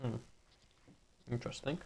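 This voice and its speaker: A man streams a video game, offering casual gameplay commentary at a moderate pace. His voice is a little mellow, and he rambles with frequent stutters while feeling slightly sick.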